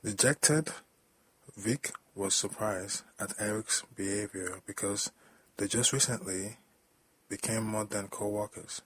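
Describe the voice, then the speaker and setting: A man reading a story aloud in a plain, steady storytelling manner. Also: lowish voice, slow pace, husky, no echo, low-quality recording. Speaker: story narrator.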